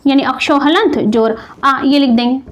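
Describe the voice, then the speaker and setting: A woman teacher explaining grammar patiently and step by step, asking rhetorical questions and repeating sounds slowly. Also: high voice, lo-fi sound. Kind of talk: classroom grammar lesson.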